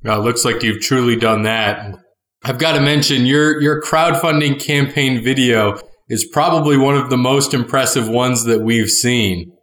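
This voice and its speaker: Male podcast host; affirming interviewer; mid pitch; echoey room sound. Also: normal speed, fairly bright tone. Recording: roomy echo.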